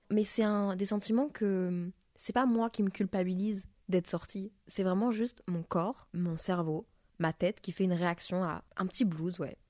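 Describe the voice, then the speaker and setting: A woman's voice: fairly low pitch, a little mellow, dry recording, studio quality. A woman in her twenties with a French accent, hosting a casual podcast monologue and talking candidly, swearing freely. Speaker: podcast host.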